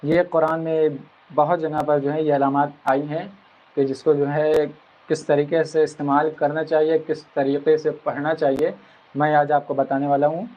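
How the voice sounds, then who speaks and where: A man teaching a Quran reading lesson, explaining patiently and drawing out each sound slowly as he spells it. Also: fairly high pitch, level tone. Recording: dull lo-fi recording.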